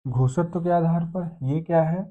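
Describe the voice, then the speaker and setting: Male teacher, patient step-by-step explainer, raised pitch, muffled lo-fi recording. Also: normal speed. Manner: explains step by step, asks and answers own questions. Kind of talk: grammar lesson. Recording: dull lo-fi sound.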